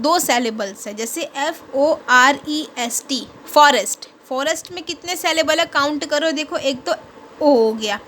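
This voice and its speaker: A woman with a high, light voice teaches an English worksheet to children. She is patient, explains step by step and spells words out letter by letter. Faint noise runs behind her. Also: fairly bright tone. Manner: patient, asks questions then answers them, spells words letter by letter. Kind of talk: classroom lesson explaining a worksheet.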